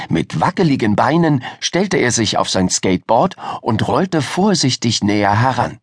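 A man narrating a children's audiobook with expressive, lively storytelling. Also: mid-range voice, breathy edge, no room sound, clean studio sound.

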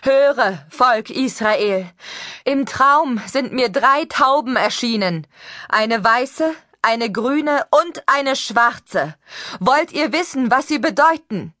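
A woman doing a high-voiced fervent prophet. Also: expressive, pushed and bright, no echo, studio quality, exaggerated voice. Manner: high, fervent, drawn-out calls. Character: small eastern male prophet with a high voice.

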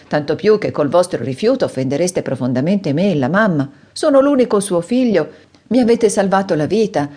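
A woman's voice: lowish voice, warm tone, lightly acted. A woman reading an audiobook voices an eager, effusive young man who pleads rapturously.

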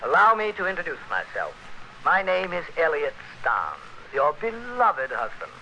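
A smug blackmailing husband in an old radio thriller. His voice is bright and very animated, mocking people with suave courtesy. The vintage recording is dull with faint noise. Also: fairly high pitch, normal speed, exaggerated voice. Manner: suave, sardonic, mock-courteous. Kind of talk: 1940s radio thriller acting.

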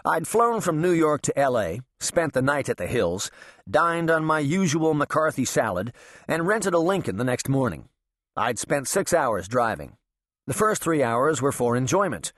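A man's voice: on the high side, big pitch swings, normal speed, a bit bright, dry recording, clean studio sound. A man narrating an audiobook in a wry, sardonic first-person voice. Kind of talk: scripted narration.

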